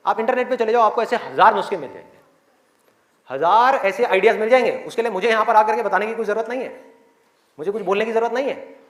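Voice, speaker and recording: High pitched guy doing a motivational speech for students, lots of rhetorical questions, echoey hall w faint crowd. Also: fast talker. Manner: rhetorical questions, acts out students' inner voices. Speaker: motivational speaker.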